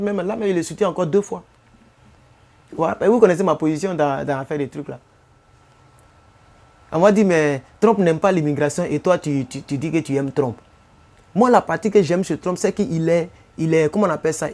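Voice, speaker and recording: On a casual live stream, an Ivorian man speaks French with his country's accent in a high voice with a darkish tone. Repetition runs through his talk, and he keeps asking his audience rhetorically whether they follow him.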